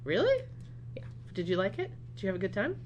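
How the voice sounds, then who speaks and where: Teasing woman with a lively voice. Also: mid-range voice, fast, highs cut off, a little hiss or hum. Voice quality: teasing, filler-heavy, laughs easily. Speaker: podcast co-host. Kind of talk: casual chat.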